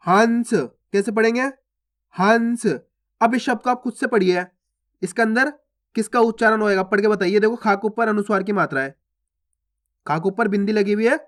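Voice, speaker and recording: A man teaching a Hindi reading lesson, patiently asking how each word is read and then slowly repeating it. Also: high voice, a bit bright. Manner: addresses viewers as friends, patient explaining.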